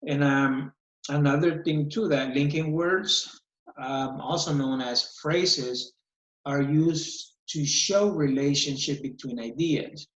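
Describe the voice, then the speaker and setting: Speaking slowly in a slightly high voice, a male teacher patiently leads an online English lesson one step at a time. A computer mic on the video call recorded him, captured by screen recording, and the audio sounds echoey and dull.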